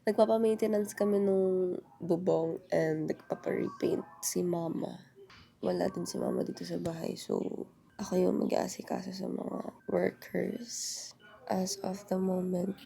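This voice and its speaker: A young woman with a Filipino accent chats to camera at home, her voice thick with nasal congestion and heavy vocal fry. Her tone is dark and mellow, and she often sinks into a soft whisper. A faint hiss sits behind her. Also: medium pitch, fairly even intonation, unhurried. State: congested, stuffy nose. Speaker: vlogger. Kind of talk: casual vlog chat, mixing English and Filipino.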